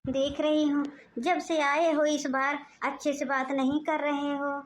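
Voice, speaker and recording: A woman's voice: sits high, little pitch movement, unhurried. A woman voicing a meek young wife in a cartoon, pleading and placating with her angry husband.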